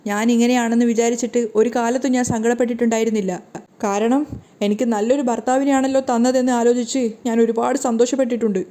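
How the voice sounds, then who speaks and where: A woman narrating a serial recap in a measured storytelling manner. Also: on the high side, level tone, mellow.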